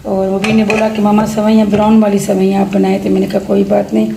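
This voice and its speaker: A woman's voice: medium pitch, monotone, fast talker, gravelly. A middle-aged mother chatting casually through a home cooking vlog, rambling and teasing, filmed on a phone in her kitchen. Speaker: vlogger and mother. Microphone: phone camera. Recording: echoey room with background noise.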